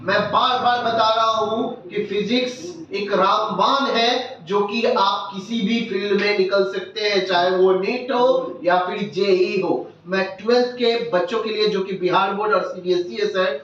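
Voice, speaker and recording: A man's voice: high voice, fairly even intonation, measured pace, few pauses, a bit bright, a little hiss or hum. A man hosting a local news interview, speaking in an encouraging, formal presenter tone. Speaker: interview host. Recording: echoey, distant, dull room sound.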